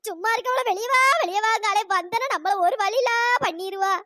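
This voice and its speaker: High chattering cartoon village woman, voiced by an actor, fretful, wailing, rushing. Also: heavy background noise. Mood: panicked. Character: timid gossiping village woman, easily scared. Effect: pitch-raised voice. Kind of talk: cartoon storytelling dialogue.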